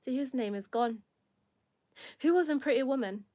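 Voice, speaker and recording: Chatting casually on her livestream, a Kenyan-accented woman speaks at a normal speed in a high, mellow voice. She comes across a bit tired, wandering off topic, correcting herself, and laughing a lot.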